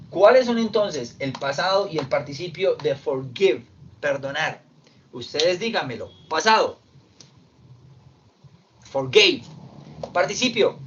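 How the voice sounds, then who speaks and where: Male English teacher, very slow and deliberate, faint noise behind, muffled sound. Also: a little high. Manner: slow, explains verbs step by step in Spanish and English. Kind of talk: recorded classroom lesson.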